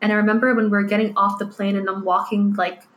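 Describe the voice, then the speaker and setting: A Canadian woman in her twenties co-hosting a casual chat, quick and prompting the others to share. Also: mid-range voice, level tone, fairly bright tone, echoey room, slight background noise.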